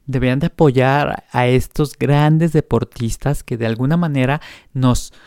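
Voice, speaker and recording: A man's voice: mid-range voice, measured pace, darkish tone, clean tone, no room sound, studio quality, close to an everyday voice. A man voicing a fussy, squeamish woman who gushes and is easily disgusted. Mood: pitying.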